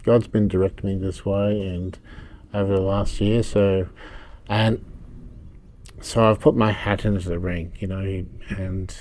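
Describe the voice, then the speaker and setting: Rambling middle-aged Australian man, dark voice. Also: deep voice, flat delivery, slight background noise. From Brisbane, Australia. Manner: rambling, halting, many fillers. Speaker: political candidate. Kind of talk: interview answers.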